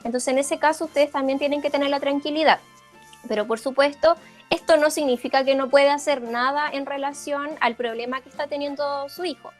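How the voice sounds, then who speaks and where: A woman giving a parent workshop like a speech therapist, explaining in an informal lecture with frequent fillers and quick check-ins. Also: high-pitched, fairly even intonation, faint music behind. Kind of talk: informal lecture over slides.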